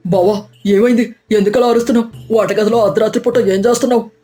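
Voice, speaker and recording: A woman voicing a kind, wise village man who advises calmly, in a storybook tale. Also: a little high, fast talker, soft background music, close to an everyday voice. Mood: puzzled.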